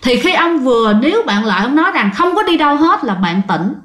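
Woman storyteller, ghost-story narration, speaking straight to listeners; high voice, echoey room. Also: very animated, fairly quick, fairly bright tone. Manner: addresses listeners directly, vivid.

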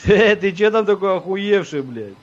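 Male prank caller, jeering and crude, slightly high voice, muffled phone sound. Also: expressive, normal speed. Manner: taunting, crude, mocking, laughs at his own insults. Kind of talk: abusive prank phone call. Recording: dull lo-fi phone audio.

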